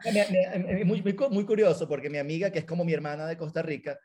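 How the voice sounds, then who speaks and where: High-voiced Venezuelan man, animated. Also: fast. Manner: animated storyteller, acts out quoted lines. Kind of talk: casual chat.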